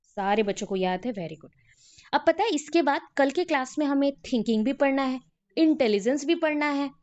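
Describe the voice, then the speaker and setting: Woman teacher, high voice, lecturing a class, dull lo-fi recording, repeats names to drill them. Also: animated, normal speed, darkish tone.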